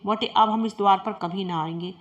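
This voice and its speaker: A woman's voice: mid-range voice, steady tone, a little fast, lo-fi sound, close to an everyday voice. A woman voicing a greedy, hot-tempered male priest who blusters and threatens. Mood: indignant.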